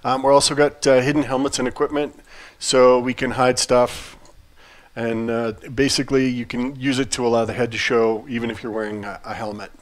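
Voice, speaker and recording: Male livestream co-host, mid-range voice, relaxed and chatty, dry humor, loose delivery full of restarts. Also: mid-range voice, fairly quick. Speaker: game studio CEO co-hosting a livestream. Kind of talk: casual livestream chat.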